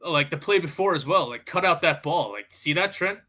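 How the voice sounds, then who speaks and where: A man co-hosting a live football watchalong with loud, emphatic reactions. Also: a little high, animated, fairly quick. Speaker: watchalong co-host.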